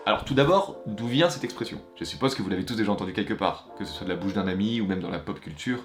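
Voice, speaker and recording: A young man, talking to his viewers in a chatty, energetic vlog from Japan, with playful asides. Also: fairly low pitch, quick pace, music in the background. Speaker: YouTuber. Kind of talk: casual vlog monologue with a sponsor read.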